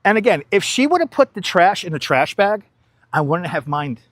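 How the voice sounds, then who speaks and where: This young New York City man is a livestream host walking outdoors on city streets, chatting casually and opinionatedly straight to his viewers. His voice sits high and sounds very animated and fairly bright at a normal speed. The wireless clip-on mic gives clean, studio-like sound with no room sound.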